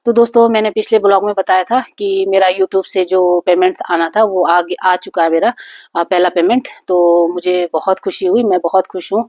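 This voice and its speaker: Talking to camera on her phone, a woman with a cold-induced sore throat rambles about her YouTube channel, full of fillers and restarts. Her lowish voice moves at a moderate pace with fairly even intonation, and the audio has no room sound but loses its highs.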